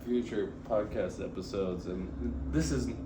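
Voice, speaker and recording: A young man co-hosting a podcast, chatting casually and prompting with halting questions. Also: fairly low pitch. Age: young adult. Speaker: podcast co-host. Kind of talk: casual interviewing chat. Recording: echoey room, faint noise.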